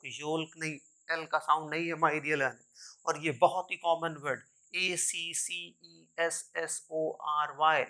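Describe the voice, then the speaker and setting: Slow, bright-voiced teacher. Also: male voice, on the high side, clean tone. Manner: spells words letter by letter, then repeats the right pronunciation; mixes Hindi and English, often saying "my dear learners". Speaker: English teacher. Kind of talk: pronunciation lesson.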